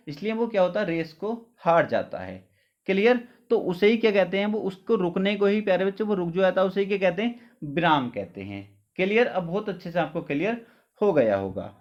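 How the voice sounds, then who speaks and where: A male teacher giving an exam-prep lesson. He asks questions and answers them himself, often checking whether it is clear, and drops his voice for each answer. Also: sits high. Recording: dull lo-fi sound.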